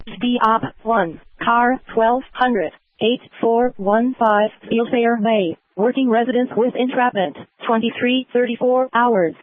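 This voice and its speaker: A female emergency dispatcher with a fairly high voice. She reads formulaic announcements over a thin, phone-like radio channel. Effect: two-way radio.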